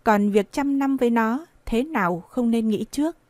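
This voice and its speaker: A woman's voice: a little high, moderate pace, darkish tone, no echo, lightly acted. A woman reading the part of an evasive young man who soothes his lover, in a coaxing, reassuring tone. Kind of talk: audiobook dialogue reading.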